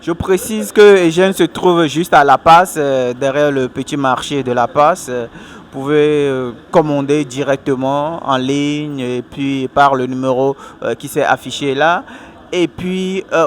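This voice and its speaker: Upbeat higher-voiced male interviewer. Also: measured pace, slight background noise. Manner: lively and upbeat, laughs easily. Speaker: interviewer and show host. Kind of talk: casual on-the-street interview. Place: outdoors at a street food stall in a city.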